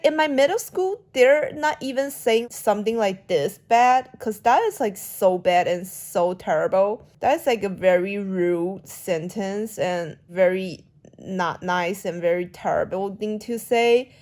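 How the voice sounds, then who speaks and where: A young woman speaks with a Chinese accent, soft and a little sleepy as she vlogs late at night. Her pace is slow and unhurried, and her pitch sits in a middle range. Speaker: vlogger. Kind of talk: casual late-night vlog.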